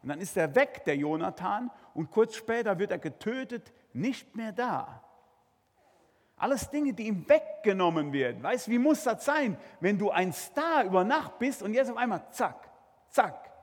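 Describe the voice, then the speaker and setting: A high, husky male voice preaching with swooping, lively intonation and sudden bursts of intensity. He talks straight to his listeners with rhetorical questions. The sermon rings out with the long reverb of a large hall. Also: normal speed. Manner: dramatic, addresses listeners directly with rhetorical questions.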